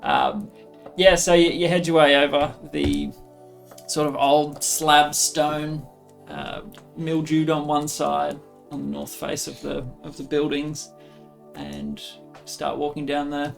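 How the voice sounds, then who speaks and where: A man narrating as game master in a loose, improvised way, pausing mid-sentence to find his words. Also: a little high, animated, gravelly, soft background music.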